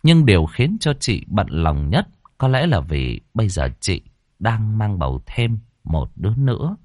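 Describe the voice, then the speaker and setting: A man reading a ghost story in a dramatic, expressive way. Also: on the low side, unhurried, no echo, studio quality. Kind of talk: scripted ghost story narration.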